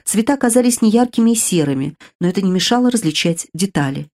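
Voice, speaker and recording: Brief: female audiobook narrator, first-person fantasy, measured and expressive. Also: mid-range voice.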